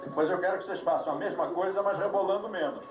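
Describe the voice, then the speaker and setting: Man, yoga teacher, slightly high voice, roomy echoing hall, far from the mic, music behind, old VHS tape. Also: fast talker, highs cut off. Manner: didactic, giving commands with dry jokes. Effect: old VHS tape recording. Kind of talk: live class instruction. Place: yoga class room.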